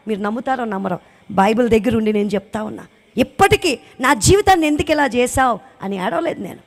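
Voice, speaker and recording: A recently widowed woman giving an impassioned testimony sermon to a congregation, rising high and loud on her emphasis and asking many rhetorical questions. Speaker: church speaker giving a testimony.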